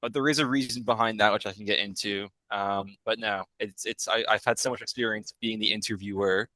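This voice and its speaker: A man's voice: lowish voice, steady tone, brisk, pushed and bright, no room sound, rough recording. A young man who grew up in Hong Kong, a rugby player talking at length as a podcast guest, often restarting his sentences. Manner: expansive, talks at length with self-corrections. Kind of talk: casual podcast chat.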